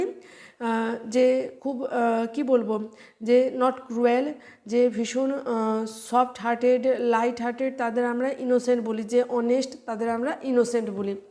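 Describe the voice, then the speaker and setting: A woman teaching English vocabulary for exams in an online lesson, spelling words out letter by letter and pausing with "ah". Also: a little high, darkish tone. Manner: slow, spells words letter by letter, fills pauses with "ah".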